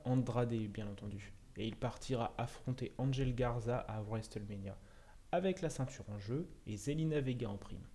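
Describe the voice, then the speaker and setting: Sardonic male video host, mellow dark tone, scripted opinion monologue. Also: mid-range voice.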